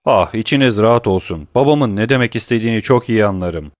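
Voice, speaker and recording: A man's voice: on the low side, lively intonation, fast talker, dry recording, clean studio sound, lightly acted. A man voicing a frightened, cornered royal prosecutor who answers in a flustered, evasive way.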